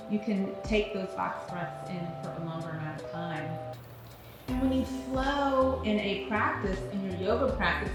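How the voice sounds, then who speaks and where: A woman instructor leading a guided breathing exercise, counting out in a measured, encouraging way. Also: mid-range voice. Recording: very echoey room, music behind. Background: music.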